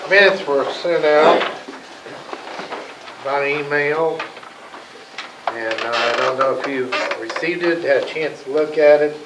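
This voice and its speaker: A man's voice: a little high, takes it slowly, pauses often. Man, meeting chair, formal procedural talk, off-mic, noisy room. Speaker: chair of a county council meeting. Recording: echoey room, distant mic, loud noise.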